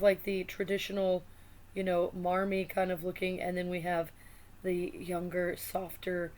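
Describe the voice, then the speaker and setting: A woman's voice: mid-range voice, a little hiss or hum. A woman casually showing a deck of cards on her channel, chatty and rambling, full of fillers and asides. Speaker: tarot and oracle deck reviewer.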